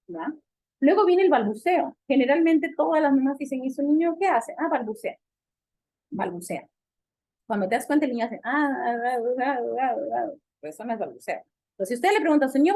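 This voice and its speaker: A woman physician with a Peruvian Spanish accent lectures on medicine. Her voice sits slightly high, and she keeps the talk animated by posing questions and answering them herself. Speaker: physical medicine doctor lecturing on child development.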